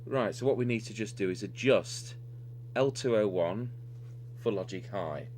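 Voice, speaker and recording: An electronics repair presenter works at the bench, giving an unscripted, methodical hands-on technical walkthrough and thinking aloud in a lowish voice at a moderate pace. The recording is clearly noisy, with a steady electrical hum and noise in the background.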